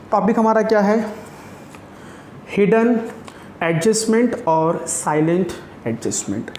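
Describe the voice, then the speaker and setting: A man's voice: sits high, darkish tone, a little hiss or hum. Patient male teacher in an echoey room. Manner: addresses students as children, reads English definitions slowly. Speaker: commerce teacher. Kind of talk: classroom-style explanation.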